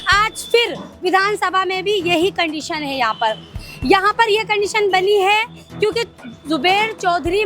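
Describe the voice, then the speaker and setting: Very high, bright-voiced woman reporter. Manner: probing questions. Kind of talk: news interview.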